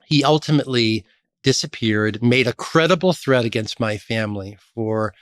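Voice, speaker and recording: A middle-aged man from Chicago, a guest in an interview, telling lively stories about his career. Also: normal speed, clear, resonant tone, no room sound, clean studio sound. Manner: animated storyteller, lively pitch jumps. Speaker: podcast guest, association executive. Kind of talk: storytelling interview.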